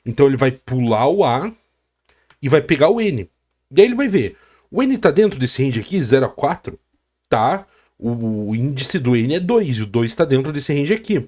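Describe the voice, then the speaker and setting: A man's voice: mid-range voice, big pitch swings, normal speed, a little mellow. A man with a Brazilian Portuguese accent teaching a coding lesson, explaining step by step and often checking in with the listener. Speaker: programming teacher. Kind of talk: screen-recorded coding lesson.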